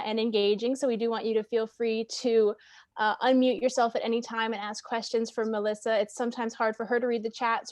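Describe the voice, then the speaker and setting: A woman's voice: a little high, a little mellow, no room sound. A woman moderating an online event, giving organized announcements in a friendly way with filler ums. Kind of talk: announcements on a video call.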